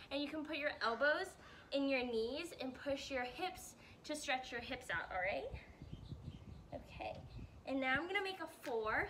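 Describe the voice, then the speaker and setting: A young woman teacher leading warm-ups and stretches for kids, upbeat and a bit out of breath, checking in often. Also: sits high, far from the mic, slight background noise. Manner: upbeat coaching, checks in with "all right?". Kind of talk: guided exercise instruction.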